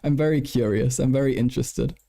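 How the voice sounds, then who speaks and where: Man, tired, mellow dark voice, casual livestream chat, stutters, repeats words, sweary. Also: mid-range voice, brisk, vocal fry. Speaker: live streamer. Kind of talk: casual late-night livestream chat, answering chat messages.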